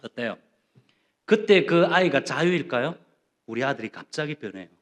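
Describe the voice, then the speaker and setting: A middle-aged man preaching a sermon as pastor, telling homely personal stories in a lively, conversational way. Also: medium pitch, normal speed. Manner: animated, with playful personal stories.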